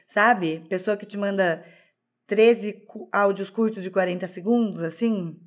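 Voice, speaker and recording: A woman's voice: mid-range voice, unhurried. A woman co-hosting a podcast in casual chat, candid and self-deprecating, often restarting her sentences. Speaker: podcast co-host.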